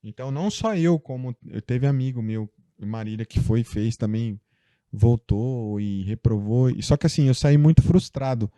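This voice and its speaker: Brazilian man telling a story, dark tone. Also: medium pitch, moderate pace, dry recording, clean studio sound. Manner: storytelling, loose and chatty with many fillers. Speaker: interview guest. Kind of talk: casual conversation.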